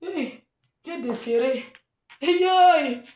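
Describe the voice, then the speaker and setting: A woman with a high voice holds forth in an unscripted live video, scolding her critics and then turning chatty and full of laughter. She sits back from the mic, and the room around her rings. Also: drawn-out words, a little mellow, roomy sound, recorded from a distance. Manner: chatty and laughing, calls listeners "maman". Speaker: event planner and vendor.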